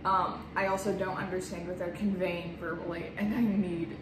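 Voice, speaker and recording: A woman's voice: lowish voice, level tone, moderate pace, background noise. A young woman chatting casually and jokingly to her viewers as a vlogger, swearing freely. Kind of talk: casual chat.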